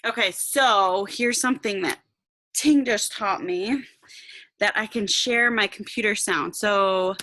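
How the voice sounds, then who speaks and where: A woman's voice: mid-range voice, takes it slowly, bright, forceful tone, dry recording. A woman talking casually to a group as a meditation teacher, encouraging and checking in with her listeners. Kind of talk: casual, informal talk to a group.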